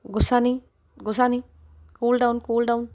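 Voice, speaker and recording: A woman's voice: on the high side, little pitch movement, a little fast, darkish tone, voice pushed up, natural voice. A woman voicing a playful young woman who teases her partner lightly. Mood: teasing. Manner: light, teasing.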